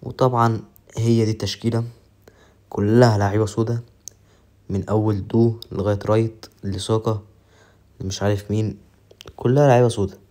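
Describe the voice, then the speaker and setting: A man with an Egyptian accent commentating his own football game match with excited, joking play-by-play. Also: lowish voice, fairly quick, pauses often. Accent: Egyptian Arabic. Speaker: mobile football gamer.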